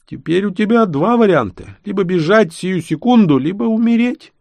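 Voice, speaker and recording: A man's voice: high voice, expressive, normal speed, creaky, darkish tone, no room sound, voice pushed up. Man putting on a fretful old baron. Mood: alarmed. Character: anxious old male baron, noble and kindly.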